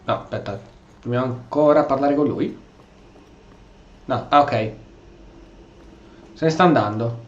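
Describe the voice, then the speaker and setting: Exclamatory and animated, this Italian-speaking-native streamer narrates a video game in casual role-play style, his mid-range voice at normal speed with frequent pauses. Game sounds run behind him in a roomy recording captured on a slightly dull mic.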